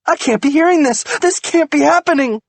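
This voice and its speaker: In an audiobook, a man voices a betrayed adult wife who screams and shrieks in a tearful, furious rage, his performance heavily acted with the voice pushed up. His voice is a little high, expressive, husky and slow-paced, with no echo.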